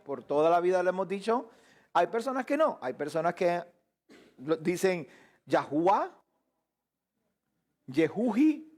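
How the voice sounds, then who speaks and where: A man teaching a live sermon, firing rhetorical questions at his listeners. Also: high-pitched. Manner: animated, asks the audience many rhetorical questions. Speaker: preacher.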